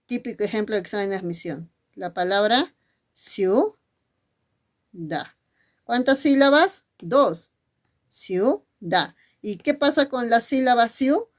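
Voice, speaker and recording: A woman's voice: fairly high pitch, expressive, slow. A woman teacher giving a spelling lesson. She asks questions and then answers them herself, and she speaks fondly to her pupils.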